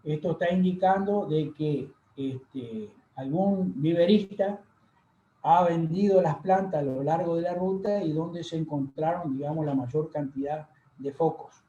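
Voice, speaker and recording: A man giving a university lecture over slides, unhurried and full of fillers and pauses. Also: on the high side, dark tone, slight background noise. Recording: echoey room, dull lo-fi sound.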